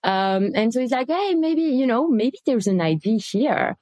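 A woman's voice: fairly high pitch, animated, measured pace, warm tone, dry recording. A woman from Belgium, a company CEO guest speaking eagerly in a casual interview, often repeating words as she thinks.

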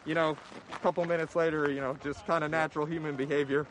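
A man's voice: on the high side, flat delivery, quick pace, slight background noise, poor audio. A man, an army officer giving a spoken briefing outdoors. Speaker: army lieutenant colonel.

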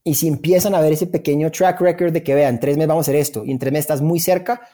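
A startup founder with a Colombian accent answers interview questions informally and conversationally, often repeating words for emphasis. He talks fast, with a fairly high, mellow voice and fairly even intonation.

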